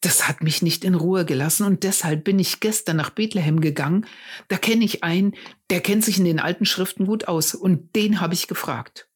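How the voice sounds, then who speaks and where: A woman's voice: lowish voice, husky. Woman reading an earnest shepherd. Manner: slow, earnest storytelling. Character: earnest adult male shepherd telling news.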